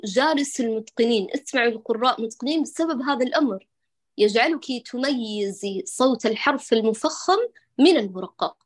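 A woman gives a spoken lesson on Quran recitation to her female students. Her voice sits a little high, and she guides them patiently, stretching out single letters to let them hear the difference. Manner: instructive, repeats and demonstrates letter sounds slowly.

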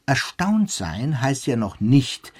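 An actor playing an excitable scholarly man who earnestly and emphatically tells his story in a radio play. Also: medium pitch, slow, husky, full character voice. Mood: absorbed recounting. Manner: emphatic, rhetorical.

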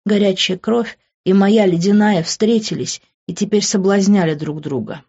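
A woman's voice: medium pitch, normal speed, darkish tone, breathy edge, dull audio. A woman reading a first-person novel aloud as an audiobook narrator, with emotional, intimate storytelling.

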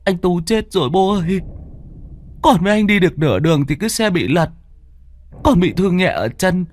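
A man voicing a demon disguised as a young son, talking in a high, whiny, pleading voice. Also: lively intonation, normal speed, in a large hall. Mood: crying.

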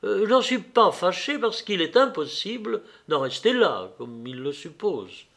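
A troubled young officer pleads earnestly with his lover, as a male reader voices him in a slightly raised tone. The delivery is slow and deliberate, like a novel read aloud. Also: high voice, sing-song, a bit bright, pitched above the performer's own voice, heavily acted. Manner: earnest, imploring.

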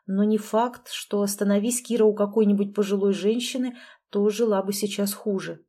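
A woman narrating an audiobook in an even, measured way. Her voice is mellow and soft. She keeps a steady storytelling delivery. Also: mid-range voice. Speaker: audiobook reader. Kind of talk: scripted narration.

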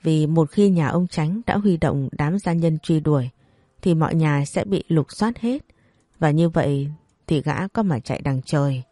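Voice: mid-range voice, unhurried, mellow, no echo, clean studio sound. Earthy storyteller. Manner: earthy, colloquial. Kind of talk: folk tale narration.

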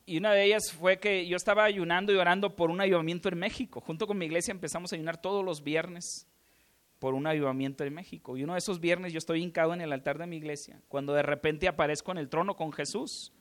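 A man with a Mexican accent preaching a sermon, telling his testimony with passion that swings from hushed to shouting. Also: on the high side, steady tone, fast.

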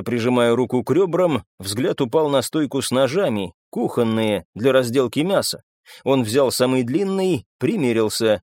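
A male narrator reads an audiobook with a very lively, rising and falling intonation. His delivery is tense and dramatic, and the voice sits close and dry, with no room sound. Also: medium pitch, no echo. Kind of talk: scripted narration.

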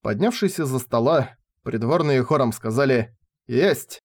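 A man reading fantasy narration in an even, unhurried way. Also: medium pitch. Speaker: audiobook narrator.

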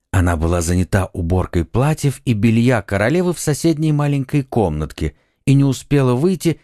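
A man reading a children's audiobook as narrator, in a measured storytelling manner. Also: lowish voice, a little mellow, no room sound, clean studio sound.

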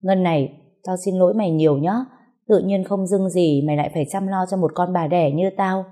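A woman's voice: lowish voice, fairly even intonation, brisk, dark tone, close to an everyday voice. A woman reading the lines of an apologetic young new mother in a storybook tale.

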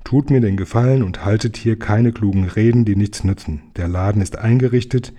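A man voicing a clever, bossy boy leader in a children's story, in his own low, husky voice and a lecturing tone. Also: brisk, dark tone, natural voice.

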